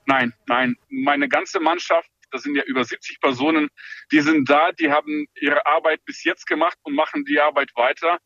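A man's voice: fairly high pitch, wildly swooping pitch, moderate pace, vocal fry, sharp tone, no echo, muffled recording. A man running a farm, speaking German in an interview with many hesitations and restarts. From Ukraine.

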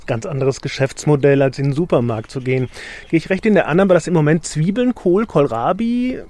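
A man's voice: on the high side, lively intonation, fairly quick, dark tone. A man conducting a casual radio interview outdoors on a farm, conversational and probing, often tagging his questions. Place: outdoors at a vegetable field.

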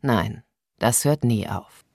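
A woman voicing a mild, weary father in an audiobook, calm and resigned. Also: rumbling low, normal speed, no room sound, studio quality. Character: weary, mild, secretive middle-class father giving quiet advice. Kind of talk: audiobook character voice.

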